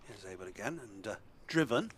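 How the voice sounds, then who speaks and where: Understated man commentating on cricket, lowish voice. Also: expressive, brisk, fairly bright tone, a little hiss or hum. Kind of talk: live radio-style cricket commentary.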